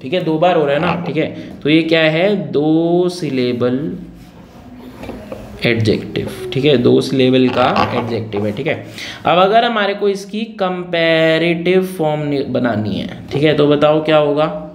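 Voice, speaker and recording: A man's voice: a little high, lively intonation, normal speed. A male grammar teacher leading a classroom lesson, repeating key words and firing check questions at his students. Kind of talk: classroom grammar lesson in Hindi mixed with English. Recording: roomy echo with faint noise.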